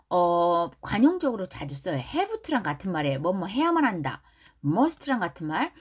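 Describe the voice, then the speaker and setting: A woman teaching English pop song lyrics, slowly modeling phrases and explaining them quickly. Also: medium pitch.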